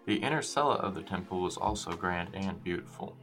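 A man's voice: sits low, expressive, brisk, fairly bright tone, soft background music. A man reading out facts in a school presentation. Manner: plain, reads out facts. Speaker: class presenter. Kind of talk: read-aloud school presentation.

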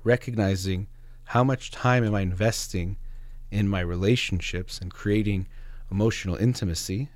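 A low, darkish male voice carries this reflective radio monologue, explanatory and a bit hesitant. The host is close-miked, and no room sound comes through.

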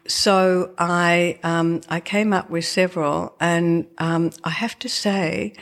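A novelist speaks to an audience about her book in a conversational, reflective way that often wanders off on tangents. Her voice is fairly low, and her s sounds are slushy, almost like sh.

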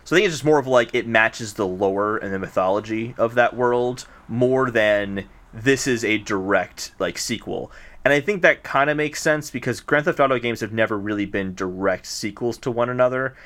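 Bright-voiced man chatting about games. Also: mid-range voice, moderate pace. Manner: relaxed, explanatory, with fillers. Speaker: podcast co-host. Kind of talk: casual chat.

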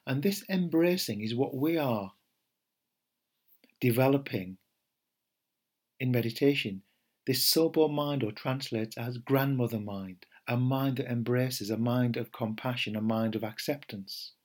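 A middle-aged man speaking in a gentle, unhurried way, like a meditation teacher talking to podcast listeners. His voice is a little husky and sits at an ordinary pitch. He pauses now and then with soft fillers and small restarts. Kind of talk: podcast talk before a guided meditation.

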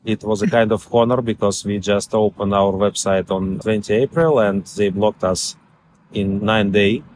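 A man from Russia with a Russian accent, an editor giving an interview in halting non-native English. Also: on the low side, steady tone, a little mellow. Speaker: newspaper editor being interviewed. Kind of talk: interview conversation. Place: outdoor park bench. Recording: faint outdoor background noise.

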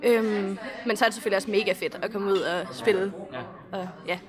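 A woman's voice: medium pitch, steady tone, a crowd in the background. A Danish woman, a band member, talking enthusiastically about how the band writes songs. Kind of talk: casual interview answers.

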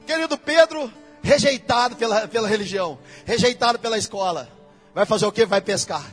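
A man's voice: high voice, animated, brisk, husky, soft background music. A man with a Brazilian Portuguese accent preaching a sermon in a church, in a casual, slangy way that speaks straight to the listeners.

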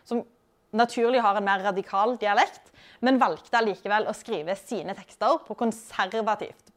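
Woman giving a friendly writing lesson. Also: mid-range voice. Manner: friendly, direct teaching to the listener. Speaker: host giving writing tips. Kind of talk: scripted explanatory lesson. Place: library and culture house.

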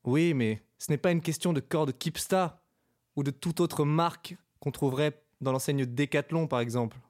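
A man's voice: fairly high pitch, normal speed, darkish tone, natural voice. A man voicing a lofty male stranger who talks in a grandiose, enigmatic way. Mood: pompous lofty.

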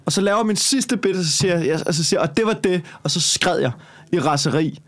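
A man, a stand-up comedian with a Copenhagen Danish accent, telling a story in casual chat, rambling and swearing as he gets heated. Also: fairly high pitch.

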